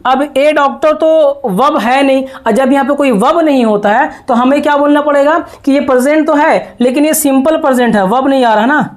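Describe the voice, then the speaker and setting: High-voiced woman teaching grammar. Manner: slow, repetitive, checks understanding often. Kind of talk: classroom lesson explaining grammar.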